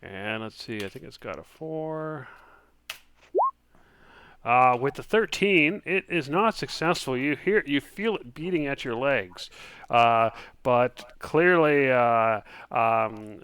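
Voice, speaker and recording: A man narrating as game master, describing actions and dice rolls in a relaxed way with many fillers. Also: mid-range voice, unhurried, clean tone, no echo.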